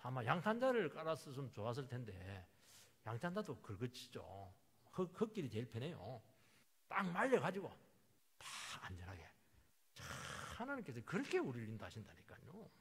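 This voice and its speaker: A male pastor delivers a sermon with a raspy, somewhat high voice. His pitch leaps wildly from hushed asides to ringing emphatic bursts. The long reverb of a church hall hangs on every phrase. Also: huge pitch swings, normal speed. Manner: vivid, dramatic storytelling with sudden emphatic outbursts.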